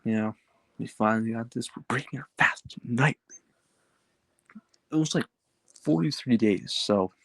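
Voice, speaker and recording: A man's voice: medium pitch, moderate pace, gravelly, long pauses, fairly bright tone, no echo. A young man co-hosting a casual podcast in a rambling way, his speech slightly impeded by the retainer he is wearing. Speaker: podcast co-host.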